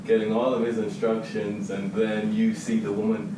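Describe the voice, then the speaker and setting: A low-voiced man from the Bahamas speaks like a preacher, leaning on scripture. He is picked up from a distance in a strongly echoing room. Background noise hangs under his voice. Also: flat delivery, normal speed. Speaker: panelist. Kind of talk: panel discussion. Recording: very echoey room from far off with noise.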